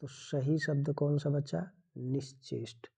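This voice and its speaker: A man's voice: fairly high pitch, fairly even intonation, takes it slowly, creaky, mellow, breathy edge. A man teaching a Hindi grammar lesson for an exam, going through the answers one by one in an explanatory way.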